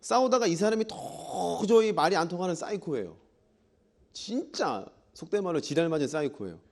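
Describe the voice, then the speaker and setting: A man's voice: sits high, lively intonation, moderate pace, darkish tone. A middle-aged man preaching a sermon in a church, reading scripture and asking the congregation questions. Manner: acts out quoted dialogue. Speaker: pastor.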